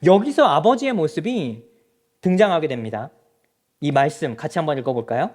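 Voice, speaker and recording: High, animated male pastor preaching. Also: a little fast. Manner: preaching directly to the congregation, asking rhetorical questions. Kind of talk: sermon. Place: church sanctuary.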